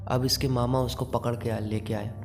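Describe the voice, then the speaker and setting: A man's voice: medium pitch, little pitch movement, normal speed, vocal fry, faint music behind. A man narrating a horror story in a casual, conversational way, with fillers.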